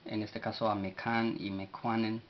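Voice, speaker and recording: Man, lowish voice, slow halting teacher who spells words aloud; dull lo-fi take with faint hiss. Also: little pitch movement. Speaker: language teacher. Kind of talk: slow spoken vocabulary lesson.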